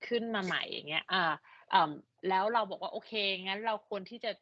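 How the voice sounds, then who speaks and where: Woman, native Thai, video call interpreter, rapid speech, dull dry sound. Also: mid-range voice, no echo. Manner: rapid restating and checking of points. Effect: video call audio.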